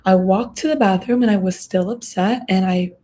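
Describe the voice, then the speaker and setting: A woman's voice: medium pitch, dark tone. Earnest young woman giving advice. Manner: earnest, reflective, with pauses and restarts. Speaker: podcast host. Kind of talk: casual advice talk.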